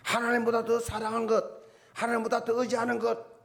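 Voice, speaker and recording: A man's voice: very high-pitched, completely flat delivery, brisk, vocal fry, a bit bright. A male pastor preaching a sermon with emphasis, firing off repeated rhetorical questions at the congregation.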